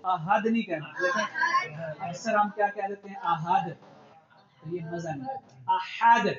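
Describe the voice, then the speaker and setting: A man teaching a religious class with a Pakistani Urdu accent, slowly drilling Arabic sounds and repeating them for students. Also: high-pitched, a crowd in the background. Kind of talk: tajweed pronunciation lesson. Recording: roomy, dull lo-fi, loud hiss.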